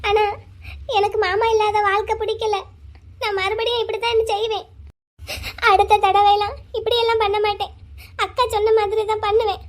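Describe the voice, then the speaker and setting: A very high, thin cartoon voice of a lovesick young woman. She pleads and clings stubbornly in a small, childlike tone. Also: flat delivery, moderate pace, long pauses. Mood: sulking. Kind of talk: cartoon voice acting.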